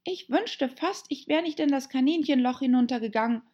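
A woman's voice: high voice, brisk, mellow, lo-fi sound, pitched above the performer's own voice. Woman playing fretful girl Alice. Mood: musing. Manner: anxious, stammering self-talk. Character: girl Alice, worried and chattering to herself. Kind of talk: audiobook character voice.

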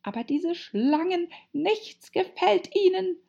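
Woman doing a shrill, shrieking mother pigeon. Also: lively intonation, slow, vocal fry, dark tone, heavily acted. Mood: shrill, aggrieved. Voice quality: shrill, screeching. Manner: complaining, scornful. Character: shrieking anxious mother pigeon guarding eggs. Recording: dull lo-fi recording.

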